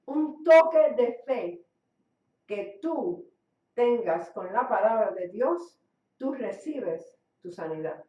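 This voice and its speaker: Woman, radio sermon, emphatic repeated phrases, roomy echo, dull lo-fi sound. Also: fairly high pitch. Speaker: preacher. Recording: echoey, distant, dull lo-fi recording.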